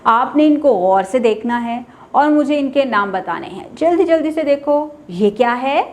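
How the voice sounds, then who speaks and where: A woman teaching children the alphabet, repeating words in a slow, coaxing way. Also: sits high, lively intonation, darkish tone. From Pakistan.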